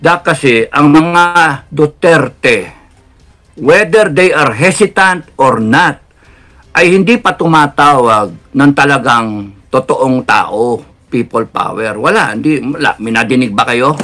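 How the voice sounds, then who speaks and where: A man with a Filipino accent giving a heated political rant, mixing Tagalog and English, swinging from loud outbursts to low, controlled intensity. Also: slow pace. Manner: heated, swings between shouting and lowered intensity. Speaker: political commentator.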